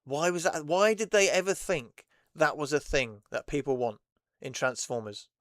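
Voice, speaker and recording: A man's voice: fairly high pitch, moderate pace, dry recording, clean studio sound. Chatty, rambling man. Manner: chatty, rambling, laughs often. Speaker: host. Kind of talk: casual chat.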